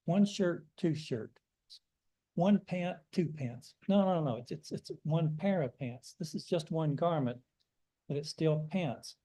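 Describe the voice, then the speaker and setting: A man's voice: on the high side, a little slow, warm tone, rough recording. An older American man telling folksy, self-deprecating stories in a sermon. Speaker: guest preacher. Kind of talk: storytelling sermon.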